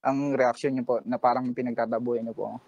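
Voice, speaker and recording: A man in his twenties from the Pampanga region, calling in to a late-night radio show and politely, calmly recounting a personal confrontation while quoting what others said. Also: mid-range voice, quick pace, muffled recording. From Pampanga, Philippines. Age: 20s. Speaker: caller.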